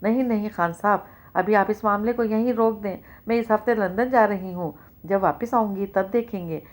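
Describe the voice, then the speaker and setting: A woman's voice: mid-range voice, natural voice. A woman reading the part of a scheming, grieving older rich widow who gives curt commands.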